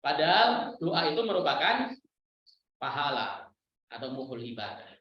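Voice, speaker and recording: A man preaching a sermon, answering questions and dropping into a hushed low voice to act out prayers. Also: big pitch swings, normal speed. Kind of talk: Islamic sermon with Q&A. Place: school hall. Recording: echoey hall, dull lo-fi sound.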